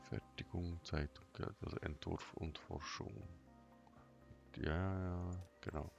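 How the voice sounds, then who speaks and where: A man giving an unscripted game walkthrough in a flat, emotionless monotone, thinking aloud in short, hesitant fragments. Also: low-pitched, takes it slowly, creaky. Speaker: gaming tutorial host. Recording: dull lo-fi sound, music behind.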